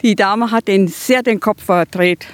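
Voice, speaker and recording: A woman's voice: medium pitch, unhurried. A woman chatting casually outdoors as a hiking companion, agreeing readily and adding her own remarks. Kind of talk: casual chat.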